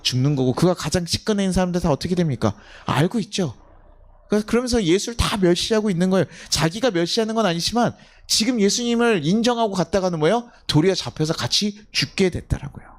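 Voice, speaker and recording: A man's voice: high voice, lively intonation, quick pace. A male pastor preaching a sermon in a church, telling a story and often asking the congregation questions, sometimes acting out the voices in it. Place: church sanctuary.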